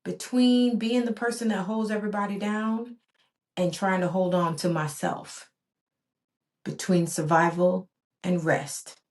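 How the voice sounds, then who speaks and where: With a darkish, mid-range voice, fairly even intonation, and a measured pace, a woman in her forties hosts a reflective solo podcast. Born in Barbados and raised in the US, she speaks earnestly in a rhythmic style, repeating phrases for emphasis.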